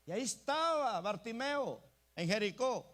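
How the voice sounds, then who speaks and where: High-voiced man preaching a sermon. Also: sing-song, measured pace, a bit bright. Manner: emphatic preaching, repeatedly addressing the congregation as brother. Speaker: pastor. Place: church.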